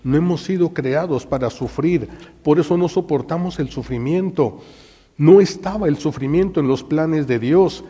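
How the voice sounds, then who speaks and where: Mexican priest preaching in an echoing hall. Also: male voice, fairly high pitch, normal speed, mellow, husky. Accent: Mexican Spanish. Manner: dramatic storytelling preaching. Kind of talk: sermon. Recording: long hall reverb.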